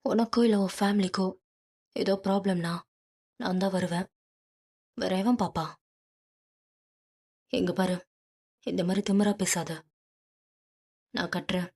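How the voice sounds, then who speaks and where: A woman's voice: medium pitch, steady tone, measured pace, pauses often, a little mellow, husky. A woman voicing a possessive, hot-tempered rich young man in an audiobook, speaking bluntly and insistently. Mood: heated, insistent. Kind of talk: audiobook character reading.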